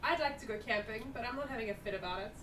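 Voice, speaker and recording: A woman chatting casually and rambling with friends on a stream, self-mocking and animated. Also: a little high, racing. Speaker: stream co-host. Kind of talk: casual chat among friends. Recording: distant mic, roomy echo, noise.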